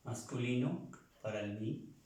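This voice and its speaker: A man teaching a French lesson, repeating words slowly and clearly for learners to copy. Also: mid-range voice, darkish tone, slight background noise. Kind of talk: slow language lesson with drilled pronunciation. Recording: echoey room, voice far from mic.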